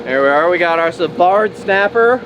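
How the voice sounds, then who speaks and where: On a boat out at sea, wind and motor noise fill this very noisy recording of a man hosting a fishing show. His voice sits high and sounds animated at a normal pace as he chats to the camera with exclamatory enthusiasm.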